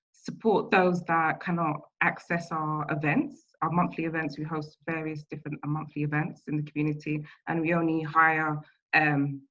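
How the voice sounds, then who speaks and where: A woman in her thirties speaking on a panel over a video call, earnest and personal, halting with fillers. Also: sits low, a bit bright. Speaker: panelist, community event founder. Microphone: video call mic. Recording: dull lo-fi call audio.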